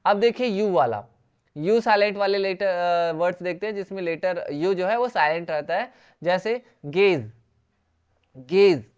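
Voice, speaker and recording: A teacher giving an explanatory lesson, repeating each word slowly and posing questions to the learner. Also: mid-range voice, smooth. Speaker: English teacher. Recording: dull lo-fi recording.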